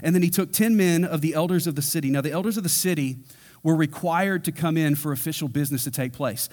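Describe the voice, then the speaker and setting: A middle-aged man preaching through scripture in a loose, chatty style, slipping into casual voices for the people in the story. His voice sits a bit high for a man. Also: quick pace, darkish tone. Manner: conversational, acts out quotes in casual voices. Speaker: pastor. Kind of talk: expository sermon.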